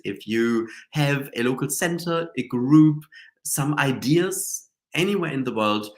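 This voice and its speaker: This show host and Reiki teacher has a lowish, gravelly voice that sounds slightly nasal from a cold. His live-stream talk is casual and meandering, packed with fillers and false starts.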